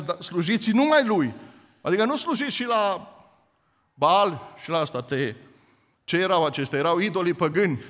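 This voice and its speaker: A man's voice: fairly high pitch, a bit bright. A man preaching a sermon, retelling a scripture story with emphatic storytelling and acted-out voices. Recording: reverberant hall.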